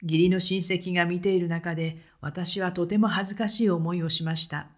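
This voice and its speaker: Story narrator, calm measured reading, scripted delivery, mid-pitched voice. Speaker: narrator reading a first-person account.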